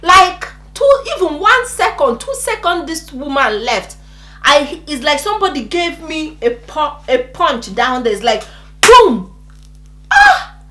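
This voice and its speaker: Woman, storytime vlog, casual retelling, lively, high and bright. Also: measured pace. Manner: animated, acts out quotes and screams, repeats herself. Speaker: vlogger.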